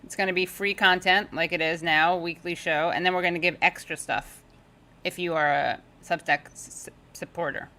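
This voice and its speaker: A woman's voice: on the low side, fairly even intonation, moderate pace, bright, forceful tone. A woman guest on a livestream podcast, talking in a chatty way and jumping in over others. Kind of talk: casual livestream chat.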